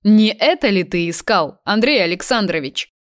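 A man's voice: sits high, expressive, moderate pace, a bit bright. A woman reading the part of a cruel, vengeful male kidnapper who taunts and gloats. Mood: mocking. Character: vengeful cruel young man kidnapper, mocking.

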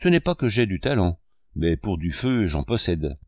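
Male reader doing a middle-aged ham actor in love with verse; sugary, theatrical, low-pitched, dry. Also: big pitch swings, moderate pace, darkish tone, no room sound. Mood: fervent. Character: middle-aged man, amorous and grandiloquent amateur actor.

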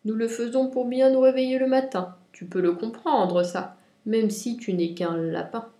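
A woman's voice: on the high side, moderate pace, warm tone, a little hiss or hum, pitched above the performer's own voice, close to an everyday voice. A woman voicing a lazy lion in a storybook who drawls and roars. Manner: drawling, then roaring. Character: lazy lion, a big wild beast. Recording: roomy echo.

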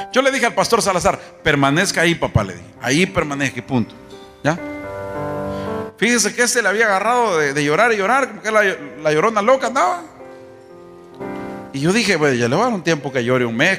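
A man preaches in a bright, forceful tone, his voice sitting a bit high. He tells folksy stories, acting out conversations and firing off rhetorical questions. Faint instrumental music plays behind him. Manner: folksy storytelling, acts out dialogue, rhetorical questions. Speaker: apostle preaching. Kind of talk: sermon.

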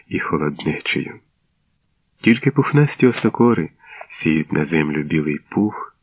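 A deep-voiced man narrates a literary story in a measured, solemn way. The sound is dry and close, with the dull, lo-fi tone of an old radio recording. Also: no room sound.

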